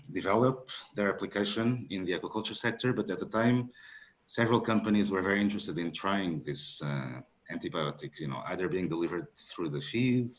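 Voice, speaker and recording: A man from Portugal giving an academic webinar talk over a video call, measured and hesitant with frequent fillers. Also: low-pitched. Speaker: guest speaker.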